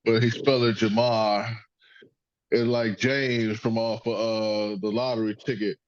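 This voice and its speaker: A man's voice: on the low side, level tone, unhurried, no echo, muffled recording. A man hosting a casual sports podcast, rambling and profane, joking with his son over a call. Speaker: podcast host.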